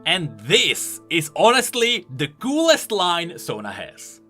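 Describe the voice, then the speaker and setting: This lore explainer for a video game features a man narrating a script with heavy emphasis and dramatic flair, backed by a music bed. He speaks slowly in a high, sharp voice whose pitch swoops wildly.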